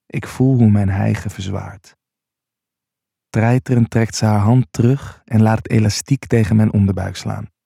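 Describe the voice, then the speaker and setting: A man narrating an intimate first-person erotic story in a low, unhurried voice. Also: steady tone, creaky, mellow, slightly rough, dry recording, studio quality.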